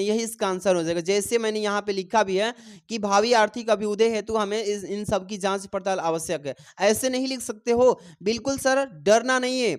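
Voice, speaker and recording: A man's voice: high voice, clean tone. A male teacher giving an exam-prep lesson, reading lines of verse aloud and encouraging his students, whom he calls "babu" and "dear children".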